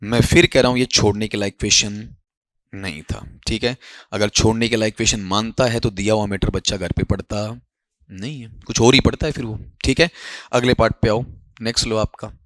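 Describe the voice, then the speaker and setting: A man's voice: lowish voice, steady tone, fairly quick, no echo, clean studio sound. A man teaching an exam-prep lesson in Hindi mixed with English, coaxing his students and addressing them fondly as children. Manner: coaxing, addresses students as beta, repeats "theek hai".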